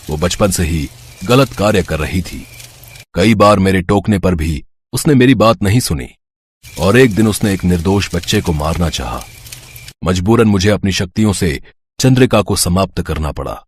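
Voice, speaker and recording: A man voicing a very old tantric holy man in an animated story, speaking with solemn warnings. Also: deep voice, husky.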